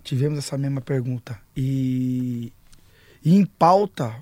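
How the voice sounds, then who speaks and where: A band member talking casually, halting as he searches his memory. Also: mid-range voice, darkish tone, no echo. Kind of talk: casual interview talk.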